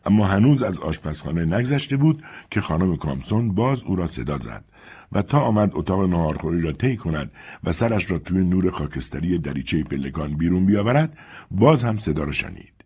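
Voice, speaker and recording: Male narrator for a literary audiobook; low, husky, expressive.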